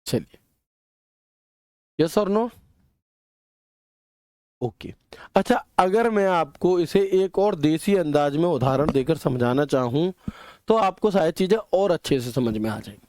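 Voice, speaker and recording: A man's voice: fairly high pitch, lively intonation, takes it slowly, long pauses, warm tone, no room sound, clean studio sound. A male computer teacher with a way of speaking, lecturing in a chatty style and often checking whether the students understood. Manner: chatty, keeps asking "ठीक है", homely examples. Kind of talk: classroom lecture.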